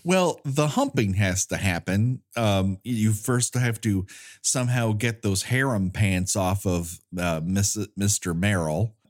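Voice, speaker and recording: A man's voice: on the low side, takes it slowly. A man hosting a podcast with jokey banter and showy turns of phrase. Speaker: podcast host.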